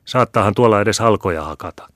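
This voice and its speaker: A man's voice: on the low side, a bit bright, no room sound, studio quality, lightly acted. A man reading as a down-to-earth army captain. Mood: musing. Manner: musing, down-to-earth. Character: pragmatic male army captain.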